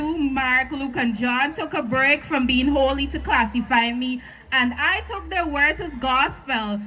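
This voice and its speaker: A woman's voice: high-pitched, bright, forceful tone, low-quality recording. A woman in her twenties performing spoken word poetry on stage at a live venue, with a rhythmic, emphatic delivery. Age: 20s.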